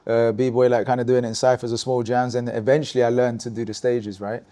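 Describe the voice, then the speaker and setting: Mellow-voiced man telling stories. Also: mid-range voice, a little fast. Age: adult, looking back on youth. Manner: animated storytelling, many restarts and "you know". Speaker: guest, breakdancer. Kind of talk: casual interview storytelling.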